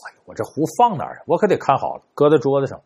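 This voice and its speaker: A man's voice: mid-range voice, wildly swooping pitch, very fast, a little mellow, slightly rough, pitched below the performer's own voice. A man doing a fretful superstitious old man. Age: 70s. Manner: fretful, muttering to himself. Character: superstitious 73-year-old poor man fussing over teapot.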